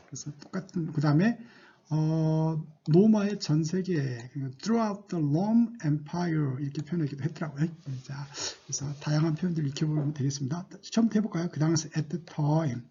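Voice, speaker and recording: A man's voice: on the high side, warm tone, husky, dull audio. A man teaching an English lesson, repeating phrases in question-and-answer drills with frequent fillers.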